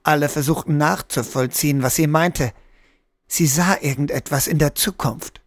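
A man with a slightly raised voice narrates a story in a calm, scripted way. The sound is dry and close to the mic, with no room around it, and he lifts his voice for the characters' quoted lines. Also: on the high side, moderate pace, no room sound. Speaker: audiobook narrator.

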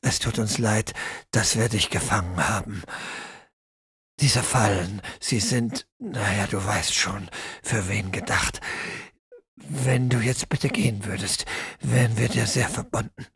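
A man's voice: lowish voice, measured pace, fairly bright tone, husky, no room sound, clean studio sound, pitched below the performer's own voice, full character voice. A man voicing an awkward old man who apologizes hesitantly and politely. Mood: apologetic. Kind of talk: audiobook narration.

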